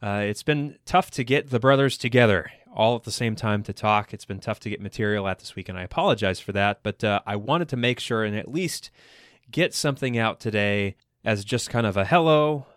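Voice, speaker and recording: A man's voice: fairly low pitch, fairly quick, few pauses, a bit bright, no echo, clean studio sound. A man in his thirties hosting a podcast in casual chat, rambling with lots of fillers and restarts. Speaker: podcast host.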